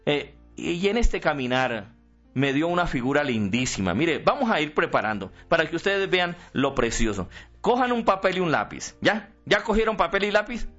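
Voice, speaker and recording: Priest guy giving a radio sermon, muffled sound, soft music under it, keeps asking "right?". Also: fairly high pitch, normal speed. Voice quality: animated teaching, rhetorical questions.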